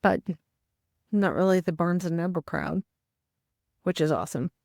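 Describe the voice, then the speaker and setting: A woman's voice: lowish voice, moderate pace, gravelly, darkish tone, no room sound, studio quality. Chatty upbeat woman vlog host. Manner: chatty, upbeat, talks straight to viewers. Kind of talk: casual travel vlog chat with scripted voice-over.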